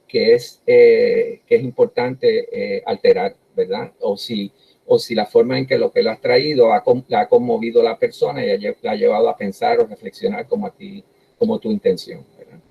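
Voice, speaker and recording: A middle-aged man, a professor, talks reflectively about how he writes, often pausing on fillers and asking "right?" to his listeners. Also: mid-range voice, gravelly, darkish tone, breathy edge. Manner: tags sentences with "¿verdad?" and pauses often on "eh". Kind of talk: reflective talk on his writing process. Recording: dull lo-fi recording.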